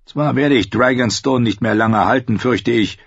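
A man's voice: mid-range voice, normal speed, vocal fry, no echo, voice pushed up. A man playing a stern, commanding king. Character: stern middle-aged king, curt, commanding. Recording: dull lo-fi audio.

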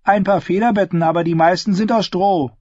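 A man reading aloud in the voice of a guarded, suspicious ten-year-old girl who asks sharp questions. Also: sits high, steady tone, fairly quick, no echo, muffled recording, voice pushed up. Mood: wary, blunt.

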